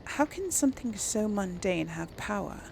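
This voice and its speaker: A woman hosts and plays a game in a casual let's play, chatting and musing aloud as she reads the dialogue choices. Her voice is medium in pitch, expressive and creaky, at a normal speed, and the recording is very noisy.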